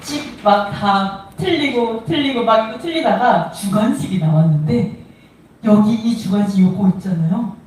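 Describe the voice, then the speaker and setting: A woman's voice: mid-range voice, animated, moderate pace, darkish tone. A woman preaching a sermon, talking animatedly with laughs and acting out quoted dialogue. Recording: echoey room, voice from a distance, faint noise.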